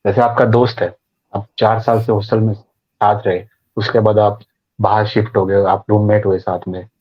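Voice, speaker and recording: A man with a husky, breathy voice talks through meditation as a podcast guest. He explains conversationally, slipping into little acted-out inner voices and everyday examples. The recording sounds dull and muffled. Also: lowish voice, little pitch movement, moderate pace.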